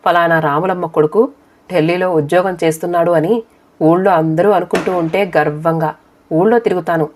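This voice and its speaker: A woman's voice: lowish voice, fairly even intonation, a little fast, darkish tone, slight background noise, lightly acted. A woman voicing a proud old village mother. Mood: proud, joyful. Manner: emotional, pleading.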